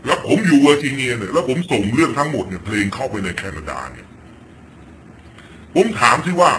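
A man's voice: mid-range voice, animated, a little fast, fairly bright tone, slight background noise. A man from Thailand ranting through a political commentary clip, blunt and crude, swearing often as he talks. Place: home in Virginia.

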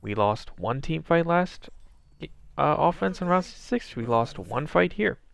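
A man's voice: on the high side, animated, measured pace, gravelly, dry recording. A man giving wry, sarcastic running commentary on his own gameplay, swearing freely.

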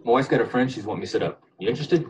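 A man's voice: medium pitch, animated, quick pace, darkish tone, lo-fi sound, a little hiss or hum, close to an everyday voice. An actor playing a friendly male ballplayer setting up a date, easygoing and chatty, heard in a played clip.

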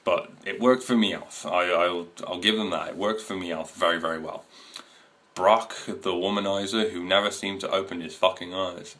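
Casting: twenties male vlogger, low voice, loose, meandering chat to camera. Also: fairly even intonation, moderate pace, fairly bright tone. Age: 20s. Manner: rambling, many fillers and restarts. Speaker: video host. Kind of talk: casual to-camera talk. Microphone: camera mic.

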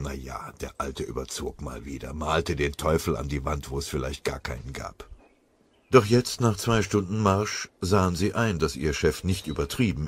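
A man narrating a war audiobook in a grave, measured way. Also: low-pitched, slightly rough. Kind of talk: scripted war story narration.

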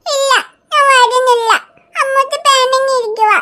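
A woman's voice: very high voice, fairly even intonation, normal speed, sharp tone. A woman doing a sulky little cartoon girl. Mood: tearful, stubborn. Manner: whiny, tearful pleading. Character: stubborn little girl refusing school. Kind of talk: cartoon voice acting.

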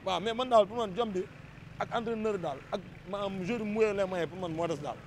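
A high-voiced Senegalese man speaks briskly in a street interview, passionately voicing his view as a football fan and frequently repeating himself. The handheld recording carries the traffic and bustle of the busy street outdoors.

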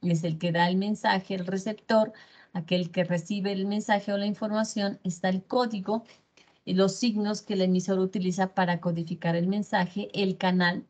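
A woman's voice: medium pitch, little pitch movement, normal speed, a little mellow. A woman instructor giving an online class lecture over a video call, often checking in with her students through short tag questions.

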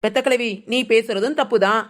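A woman's voice: fairly high pitch, moderate pace, lightly acted. A woman voicing a cheeky, defiant young niece who mocks her elders in a cartoon family drama. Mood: taunting. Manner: taunting, sassy.

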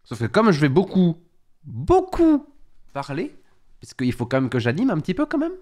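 A man's voice: on the high side, wildly swooping pitch, a little fast, darkish tone. A man streaming live with a head cold, chatting casually, stumbling and restarting his sentences and exclaiming at technical trouble. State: sick with a head cold, blowing his nose.

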